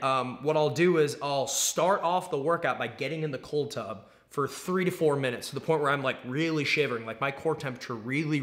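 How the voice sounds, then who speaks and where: A man's voice: medium pitch, a bit bright. Casual, emphatic male swimmer vlogger. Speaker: athlete vlogger, competitive swimmer. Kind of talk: casual explanatory vlog talk.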